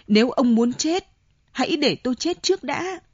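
A woman voicing a frightened, insistent older woman who pleads breathlessly in a high voice, on a dull lo-fi audiobook recording. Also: animated, moderate pace, breathy edge, no echo. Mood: urgent.

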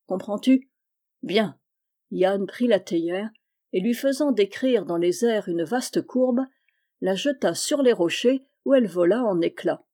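A woman reading a novel aloud with measured, steady storytelling narration. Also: mid-range voice. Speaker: audiobook reader.

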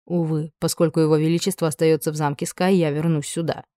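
A woman reading the part of a commanding noble dragon lord, speaking low, hushed and soft. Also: little pitch movement, quick pace, dry recording, clean studio sound, natural voice.

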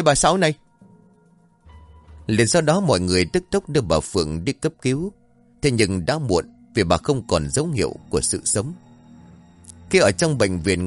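A male storyteller with a lowish voice reads a scripted ghost story. His delivery is dramatic, rising and falling widely, with faint music under the narration.

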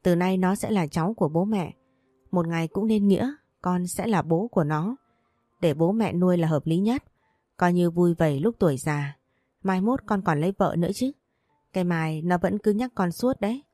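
A woman's voice: on the low side, moderate pace, dark tone, no room sound, studio quality, close to an everyday voice. Woman reading as a fond, bossy old mother.

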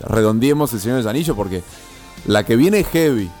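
A man's voice: mid-range voice, expressive, brisk, darkish tone, soft background music. A man with a Rioplatense Spanish accent, co-hosting a casual radio chat in a playful, teasing way.

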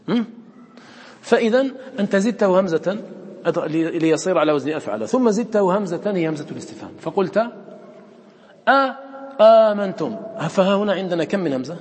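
A man's voice: fairly high pitch, big-room sound. A man teaching a class on recitation, repeating words aloud and quizzing his students with questions.

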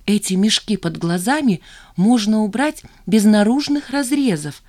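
A woman reader voicing a poised expert woman who explains procedures softly. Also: mid-range voice, lively intonation, unhurried, voice pushed up. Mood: explaining. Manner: explanatory, soft.

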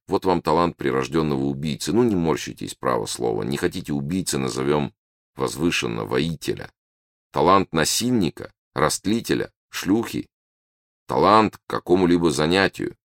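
A man reading the part of a polite, condescending male alien official who lectures smoothly. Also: rumbling low, no room sound, clean studio sound.

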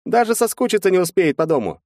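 Guy doing a slick smiley lawyer, higher voice, glib and soothing, dry close mic. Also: sing-song, fast talker, a little mellow, no room sound. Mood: smooth. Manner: glib, reassuring, falsely smiling. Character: smooth slick middle-aged male lawyer.

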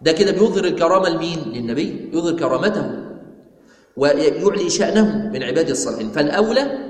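An Egyptian sheikh delivers a religious lesson at a brisk clip, asking questions and answering them himself. His voice rings through a roomy hall with a long, lingering reverb. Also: on the high side, animated, a little mellow. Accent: Egyptian Arabic. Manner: repeats points for emphasis. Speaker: sheikh teaching a creed text. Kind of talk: religious lesson, reading and explaining a text.

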